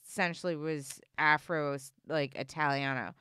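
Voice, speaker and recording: A woman's voice: sits low, steady tone, moderate pace, pushed and bright, smooth, no room sound, clean studio sound. A woman from Yonkers with a Yonkers New York accent, telling stories in casual chat with lots of "like" fillers. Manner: lots of "like" fillers, laid-back storyteller. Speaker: podcast co-host.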